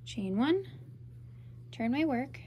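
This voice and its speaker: Here the stuffy-nosed young woman speaks high and slow with lively intonation, the lo-fi recording carrying a little hiss or hum. Nasal from her cold, she stays casual and cheerful, chatting through the crochet tutorial as she works.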